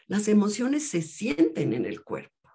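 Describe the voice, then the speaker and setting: A woman therapist, a guest on an interview show, explaining things in a measured, teaching way. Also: mid-range voice, wildly swooping pitch, mellow, breathy edge. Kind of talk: calm explanatory interview talk.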